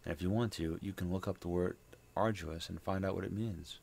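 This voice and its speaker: A man's voice: low-pitched, steady tone, fairly quick, gravelly, a little mellow, husky. A man chatting casually as he streams a video game live. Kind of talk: casual live gameplay chat.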